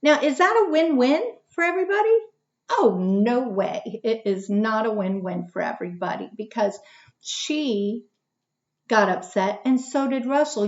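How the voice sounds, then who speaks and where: A woman teaching a lesson to young children, reading a picture book aloud and asking questions she answers herself. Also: fairly high pitch. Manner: animated, asks questions and answers them herself. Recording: dull lo-fi recording.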